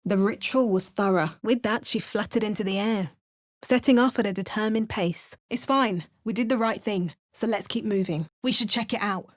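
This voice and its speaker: An actress with a British accent plays a wary, determined adventurer heroine, swapping dry asides with storybook narration in video game lines. Her mid-range voice moves at a moderate pace, lightly acted, with no echo.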